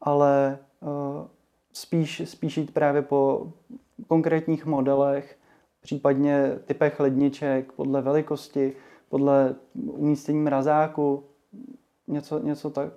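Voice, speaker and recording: A man talks through his points in a steady, level voice. His tone is dark and mellow, and he pauses often with filler sounds. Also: fairly high pitch. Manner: hesitant, many fillers and restarts. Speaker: guest, marketing association chairman. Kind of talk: casual interview talk.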